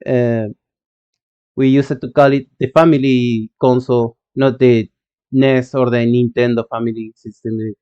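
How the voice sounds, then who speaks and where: During a live coding stream, an Argentine-accented man who speaks Spanish natively reads chat and talks at an unhurried pace, stopping and restarting often with many fillers. His mid-range voice is smooth, clear and dark-toned, with little pitch movement. The stream sound itself is dull and lo-fi.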